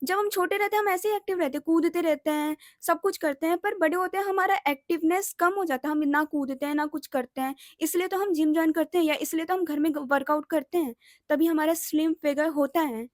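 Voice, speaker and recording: A young woman speaks in a bright, high voice as she tells a personal story on her vlog. Her delivery is chatty and emotional, with English words dropped in. The sound is dry and close, with no room echo. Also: fairly quick. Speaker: vlogger telling a personal story. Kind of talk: casual storytime monologue.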